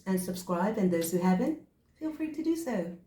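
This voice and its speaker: A woman's voice: mid-range voice, big pitch swings, normal speed, warm tone. A woman from Bermuda with a Bermudian accent, chatting casually as a co-host. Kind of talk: casual banter. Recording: roomy, echoey indoor sound.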